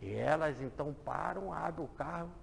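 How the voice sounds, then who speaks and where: A man with a Brazilian Portuguese accent giving an emphatic, conversational talk on a biblical parable, moving between loud fervour and soft low asides. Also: normal speed, gravelly, a little hiss or hum. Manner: conversational, often adds tag questions. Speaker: lecturer on the gospels. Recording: echoey hall.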